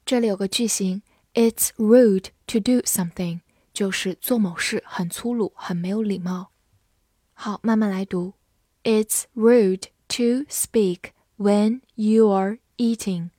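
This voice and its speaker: Woman, English vocabulary teacher, dry close recording, spells words letter by letter, slow example readings. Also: mid-range voice, darkish tone, no room sound. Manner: spells words letter by letter, then reads sentences slowly. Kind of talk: vocabulary lesson with slow read-alongs.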